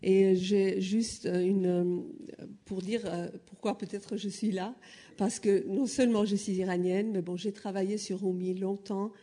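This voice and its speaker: Iranian woman, mellow and hesitant. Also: medium pitch, flat delivery, a little slow. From Iran. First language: Persian. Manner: hesitant, many filler sounds. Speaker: panel speaker. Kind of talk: explanatory panel talk.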